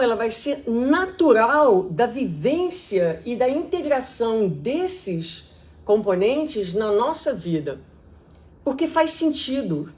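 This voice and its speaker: A woman with a Brazilian accent giving a public spiritist lecture in a conversational way, acting out quoted speech with lively shifts. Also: on the high side. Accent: Brazilian Portuguese.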